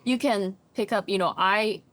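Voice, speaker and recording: With a medium-pitched, unhurried voice and no room sound, a Chinese therapist and coach in middle age reflects during an interview. Her English carries a slight American lean; she's animated, thoughtful, and keeps asking "right?".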